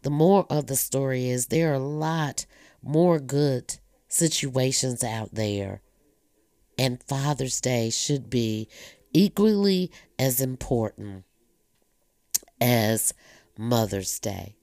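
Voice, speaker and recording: A woman in her fifties with a very deep, gravelly voice speaks in a candid, personal monologue. She is talkative and earnest, and the recording is dry and close. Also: takes it slowly, mellow, dry recording. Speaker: blogger sharing personal reflections.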